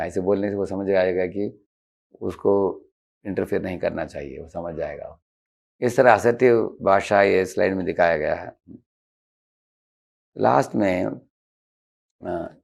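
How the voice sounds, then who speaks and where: A man's voice: low voice, vocal fry, darkish tone. A man giving a conversational devotional lecture, explaining slides and dropping English terms into his talk. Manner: conversational, mixes English terms into Hindi, frequent "haan" fillers; explains slides and acts out short quoted examples. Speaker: spiritual teacher giving a lecture. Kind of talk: devotional lecture on assertive speech.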